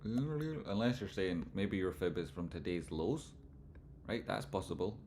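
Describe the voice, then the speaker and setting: A man with a broad Scottish accent hosting a livestream, talking informally and loosely, not always crisply enunciated, as he comments on charts and chats with viewers. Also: sits low, expressive, measured pace, a little mellow, a little hiss or hum. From Scotland. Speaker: livestream host and trading analyst. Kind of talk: live chart commentary and casual chat with viewers.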